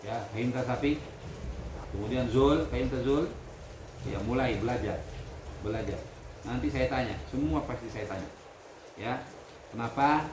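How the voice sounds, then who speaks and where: A man leading a religious lesson for students, reading Arabic text, explaining it and quizzing his class in a lively way. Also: mid-range voice, moderate pace, long pauses. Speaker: pesantren leader teaching students. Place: hall at a pesantren. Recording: echoey room with background noise.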